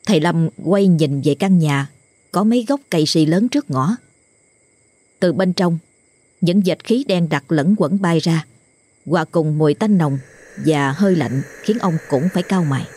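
A woman narrating a horror story in a measured, somber way. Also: fairly low pitch, warm tone, slightly rough, dry recording.

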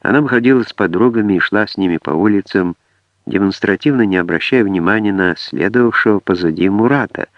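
A man reading an audiobook in a measured storytelling manner. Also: on the low side, dry recording. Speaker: audiobook narrator. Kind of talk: scripted narration. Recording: dry, dull lo-fi audiobook.

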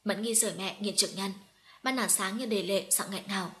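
A woman's voice: medium pitch, moderate pace, fairly bright tone. Woman narrating an audio story.

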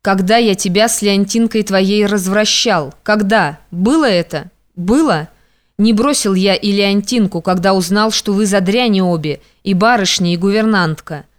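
A woman's voice: mid-range voice, normal speed, natural voice. A woman reading an audiobook, voicing a stern, domineering young man who speaks harshly and commandingly.

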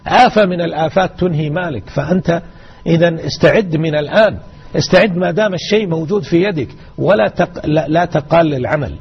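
A man's voice: a little high, fast, creaky, lo-fi sound, slight background noise. A man teaching a religious lesson on radio, exhorting his listeners and repeating key words. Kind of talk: explaining a hadith lesson.

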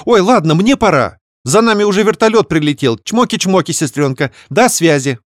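Guy doing a squeaky chirpy young sister, fast and wheedling, dry sound. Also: lively intonation, no echo. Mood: breezy teasing. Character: bubbly scheming young woman, the sister.

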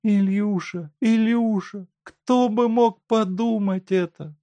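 Man doing a shrill, frantic grieving wife. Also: steady tone, slow pace, warm tone, no room sound. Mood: pleading. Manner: pleading, tearful, shrill. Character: desperate grieving wife, middle-aged woman.

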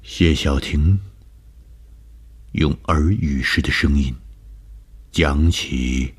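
A man narrating a ghost story for radio in a slow, measured, dramatic reading. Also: very deep voice, husky.

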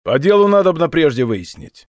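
A man's voice: on the high side, very animated, normal speed, no echo, clean studio sound. A man voicing a scarred elderly male gang leader who gives short, firm orders. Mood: curt commands. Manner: curt, commanding.

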